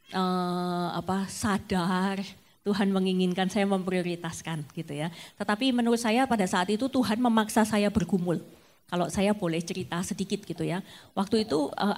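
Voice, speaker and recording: A middle-aged woman tells her own story at a family ministry gathering. Her pitch sits in an ordinary middle range. Her delivery is loose and conversational, full of fillers and little tag phrases as she gathers her thoughts. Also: darkish tone. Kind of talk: personal testimony in a casual talk.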